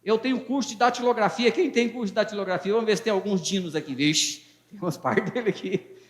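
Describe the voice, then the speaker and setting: Man, 50s, pastor, fervent folksy sermon, very high voice, echoey church hall with long reverb. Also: fast talker. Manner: fervent, folksy preaching with jokes to the congregation.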